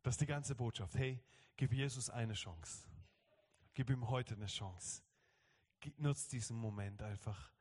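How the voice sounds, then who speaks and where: A man in his thirties preaching a lively sermon as pastor, often acting out other people's voices. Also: mid-range voice, a little slow. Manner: lively, acts out quoted voices. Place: church hall. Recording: long hall reverb.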